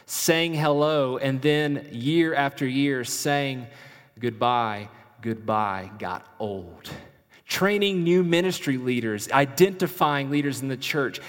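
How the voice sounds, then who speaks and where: A male pastor preaching a sermon in a church, slow and dramatic, dropping to a hush and then rising for emphasis. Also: medium pitch. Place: church sanctuary. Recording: long reverb of a large hall.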